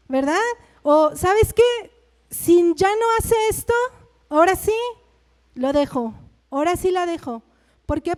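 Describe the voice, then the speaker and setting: A woman's voice: sits high, warm tone, big-room sound. A woman with a Mexican Spanish accent preaching a sermon in a conversational way, often asking her listeners "¿verdad?".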